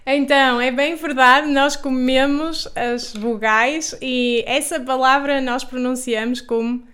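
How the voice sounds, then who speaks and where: A woman's voice: sits high, steady tone, slow pace, a bit bright, smooth. A woman with a Porto European Portuguese accent, a guest teacher who talks unhurriedly and laughs often. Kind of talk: language lesson conversation.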